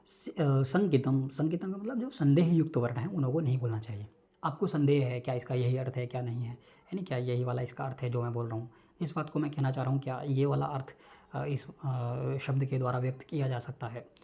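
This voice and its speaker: A man giving an online lecture, explaining each term slowly with many repetitions and check-ins. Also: medium pitch, vocal fry, dark tone. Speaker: Sanskrit teacher.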